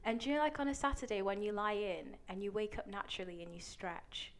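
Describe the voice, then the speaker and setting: Sunny, animated woman with faint background hum. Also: medium pitch, fast. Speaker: podcast guest, scientist. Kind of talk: casual podcast chat.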